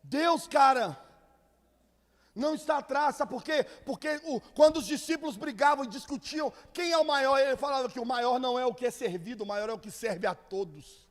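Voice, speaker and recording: A man's voice: extremely high pitch, moderate pace. A man, a pastor preaching a sermon, telling stories and acting out the people in them. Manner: lively storytelling, acting out quoted people. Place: church hall. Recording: long reverb of a church hall.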